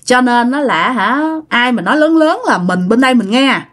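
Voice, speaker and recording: A woman's voice: on the high side, lively intonation, normal speed, fairly bright tone. Woman, Southern Vietnamese accent, casual ghost-story narrator, talks straight to listeners. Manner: chatty, addresses listeners directly.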